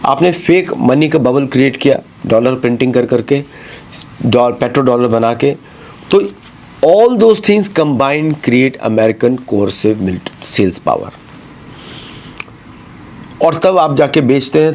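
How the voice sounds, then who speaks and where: A man's voice: medium pitch, expressive, takes it slowly, a little mellow, slight background noise. A man giving emphatic commentary on current affairs, switching between Hindi and English. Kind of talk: talk-show commentary.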